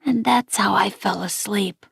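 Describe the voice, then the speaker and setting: A woman narrating an audiobook in a gentle, unhurried reading voice. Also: medium pitch, gravelly, slightly rough, no echo, clean studio sound.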